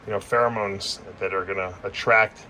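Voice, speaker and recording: A man's voice: low-pitched, steady tone, normal speed, sharp tone, slight background noise. A man giving a casual, informal explainer as host of a reptile breeding vlog, talking directly to his viewers. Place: indoor snake breeding facility.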